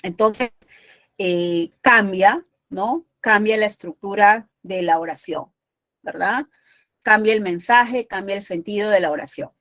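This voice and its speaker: A woman's voice: medium pitch, a little slow, a bit bright, no room sound. Woman teacher with dry close sound. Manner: explanatory, frequent tag questions. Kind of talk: pre-university exam prep lesson.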